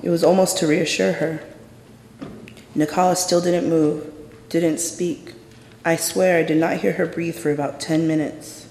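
A woman telling a personal story live on stage in a measured, solemn way. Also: sits low, a little mellow, a little hiss or hum. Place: stage in a theater. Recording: echoey hall from a stage.

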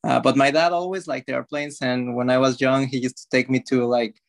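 A man's voice: medium pitch, fairly even intonation, brisk, gravelly. A man in a casual interview, talking with a hesitant manner and many "I mean"s. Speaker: podcast co-host, guest.

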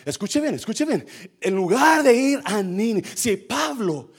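Very high-voiced man preaching with fire. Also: sing-song, a little slow, vocal fry, slightly rough. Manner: swings between shouted peaks and low, quiet asides; drops English phrases into his preaching. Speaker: pastor. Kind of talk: sermon. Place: church service.

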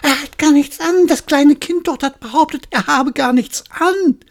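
A woman voicing an excited crowd of townsfolk calling out loudly in a bedtime storybook reading. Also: high voice, a little slow, vocal fry, husky, voice pushed up, full character voice. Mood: exclaiming. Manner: exclaiming.

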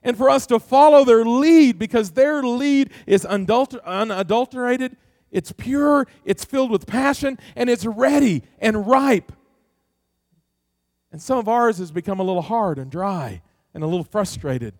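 Middle-aged pastor, unusually high male voice, dry close sound, earnest folksy sermon full of questions. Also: measured pace, a little mellow, no echo. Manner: earnest preaching with many rhetorical questions; folksy, tells family stories.

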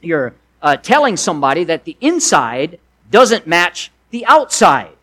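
A man delivers a sermon in a relaxed teaching manner. His voice sits high, and he talks it through with frequent restarts and asides. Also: a little slow. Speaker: preacher.

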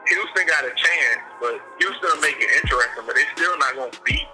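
A man's voice: a little high, expressive, quick pace, rough recording. An American man giving his opinions in a casual basketball debate. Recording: loud hip hop music underneath.

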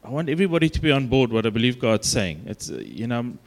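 A man from South Africa with a broad Afrikaans accent, giving an informal sermon as a guest preacher in a halting, conversational, self-deprecating way. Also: mid-range voice, sing-song.

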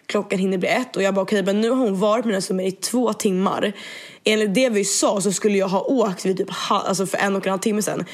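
A young woman with a speech impediment, casually retelling an event and acting out what everyone said. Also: mid-range voice. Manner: animated, quotes others with "jag bara", swears freely. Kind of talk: casual storytelling chat.

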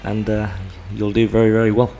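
A man's voice: fairly low pitch, completely flat delivery, brisk, vocal fry, warm tone, highs cut off, slight background noise. A man co-hosting an interview, asking questions and giving advice to a young player. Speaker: podcast co-host. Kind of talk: casual interview.

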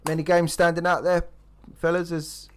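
A man's voice: fairly high pitch, level tone, moderate pace, clean tone. A man hosting a live sports draw, announcing each number as a fixture and chatting casually in between. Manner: repeats each drawn number as a match announcement.

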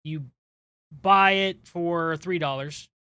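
A man with a bright, forward voice pitched a bit high, recorded dry and close. He explains things casually, step by step, in short phrases, as a podcast co-host would. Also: slow pace, clear, resonant tone, no room sound.

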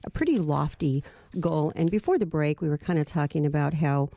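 A woman's voice: deep voice, expressive, brisk, gravelly, warm tone, no echo. A woman hosting a talk radio show in a conversational style.

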